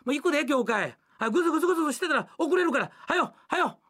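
A bossy, devout housewife, as a woman telling rakugo puts her on, nagging in quick Kansai dialect. Her voice sits fairly high and lively. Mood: impatient. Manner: scolding, nagging. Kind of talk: rakugo storytelling.

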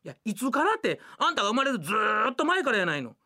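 A woman's voice: a little high, big pitch swings, quick pace, pushed and bright, heavily acted. A woman doing a nagging Kansai housewife. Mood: scolding. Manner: scolding, nagging. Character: bossy, devout Osaka housewife. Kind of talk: rakugo storytelling.

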